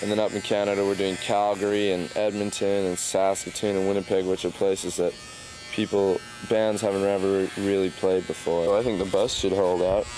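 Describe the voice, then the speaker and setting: A man's voice: deep voice, little pitch movement, normal speed, background noise. A man in a casual interview, easygoing and rambling as he thinks aloud. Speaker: band member.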